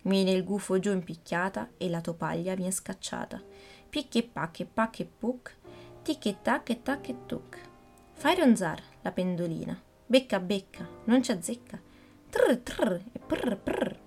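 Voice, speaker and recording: Brief: odd old godfather, croaky flat chanting, storybook, woman reader voicing him. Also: medium pitch, a little slow, faint music behind, natural voice. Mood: eerie chant.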